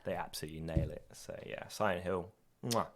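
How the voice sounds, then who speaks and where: Deep-voiced man, relaxed podcast chat. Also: fairly quick. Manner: relaxed, enthusiastic rambling. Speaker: podcast co-host. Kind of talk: casual chat.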